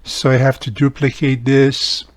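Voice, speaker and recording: A man with a level, medium-pitched voice talks unhurriedly with no echo as host of a radio repair tutorial channel. His casual hands-on narration is chatty; he thinks aloud and often addresses the viewer.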